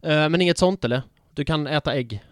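A young male podcast host chatting casually, playful and quick to joke about himself. His voice is smooth and slightly high. The sound is close and dry, with no room around it. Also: no room sound. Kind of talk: casual chat.

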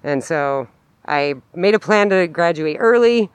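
An American man talks as an interview guest through a face mask. His voice is a bit high for a man and smooth, recorded close and dry. The delivery is informal and loosely phrased, like everyday chat. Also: expressive, unhurried, dry recording. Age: adult parent. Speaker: interview guest, education activist. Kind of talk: casual conversational interview. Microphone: podcast microphone, spoken into through a mask.

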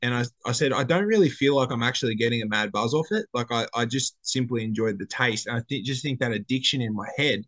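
A man's voice: mid-range voice, expressive, fast talker, hardly any pauses, fairly bright tone. An Australian man in casual podcast chat, telling stories and repeating phrases for emphasis. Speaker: podcast co-host.

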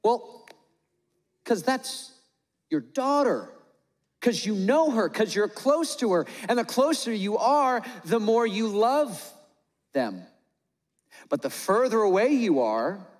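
A man's voice: sits high, very animated, takes it slowly, pauses often, a little mellow, in a large hall. A man preaching a sermon to his church, playful and joking with the congregation, acting out little scenes. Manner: acts out little scenes in voices. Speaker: pastor. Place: large church hall.

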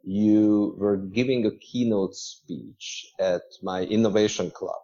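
A male podcast guest from Hungary, a native Hungarian speaker, tells stories in a measured, conversational way with hesitations. His lowish voice is steady and warm, though the audio is muffled and lo-fi.

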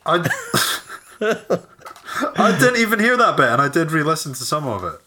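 Bright-voiced male podcast host. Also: on the high side, normal speed. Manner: relaxed, rambling with many fillers. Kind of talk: casual podcast chat.

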